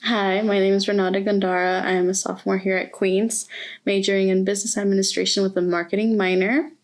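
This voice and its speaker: A woman's voice: medium pitch, flat delivery, fast talker. A young woman from Mexico, interviewed as a student, speaking earnestly and reflectively with frequent hesitations. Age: young adult. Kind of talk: oral history interview. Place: university campus.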